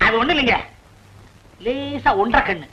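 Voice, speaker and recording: A man's voice: very high-pitched, expressive, normal speed, muffled recording, very noisy. A man playing a marriage broker in a film comedy, talking up a match in a salesy, persuasive way.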